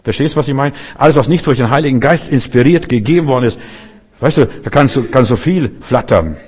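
A man with a husky, breathy voice delivers a loose, conversational sermon. He keeps turning to his listeners with little questions to check they follow. His pitch sits in an ordinary middle register. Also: fairly quick, a little mellow. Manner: talks straight to the listener, keeps asking "weißt du?". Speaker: preacher. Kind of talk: informal sermon.

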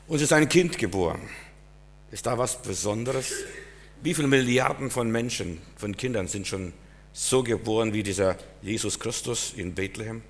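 Low-voiced pastor preaching a sermon. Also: male voice. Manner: earnest preaching, prayerful, rhetorical questions. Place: church service.

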